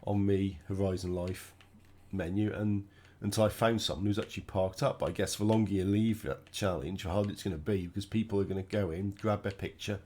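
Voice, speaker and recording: Stuffed up and croaky with a cold, a UK gaming host narrates his racing game a little fast and with few pauses. His slightly low voice stays relaxed and chatty, and he thinks aloud as he drives in casual gameplay commentary.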